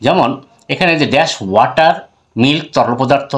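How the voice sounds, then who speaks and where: With a mid-range, slightly bright voice, a man with a Bangladeshi accent walks through an English grammar lesson. He blends English phrases into his explanations, answers his own questions, and says example words slowly and more than once.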